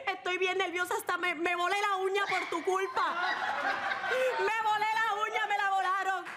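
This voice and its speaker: A woman's voice: extremely high pitch, flat delivery, normal speed, heavy background noise. An actress playing a melodramatic, spoiled girlfriend in a sketch comedy, theatrical and wheedling. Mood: dramatic apology. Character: dramatic spoiled young girlfriend, demanding money. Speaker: comic actress. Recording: audience laughter behind.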